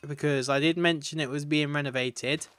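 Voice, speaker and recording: A man's voice: on the high side, fairly even intonation, normal speed, fairly bright tone, clean tone, no room sound. Chatty man streaming a game. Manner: chatty and rambling, laughs at his own jokes. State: tired. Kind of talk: casual live-stream commentary.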